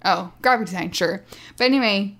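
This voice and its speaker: A woman's voice: medium pitch, brisk, fairly bright tone. A woman co-hosting a casual podcast in a playful, teasing way. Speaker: podcast co-host. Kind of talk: casual chat.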